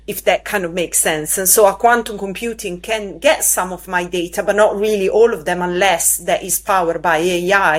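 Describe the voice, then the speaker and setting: Woman interviewer musing aloud. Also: mid-range voice. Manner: musing, searching for words, with restarts. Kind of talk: conversational interview questions.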